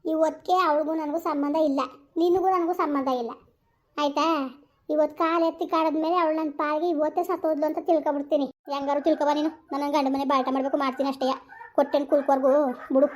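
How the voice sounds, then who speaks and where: A woman's voice: sits high, flat delivery, quick pace, close to an everyday voice. A woman putting on the voice of a harsh village mother who speaks scornfully to her daughter. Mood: bitter. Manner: scornful, cutting.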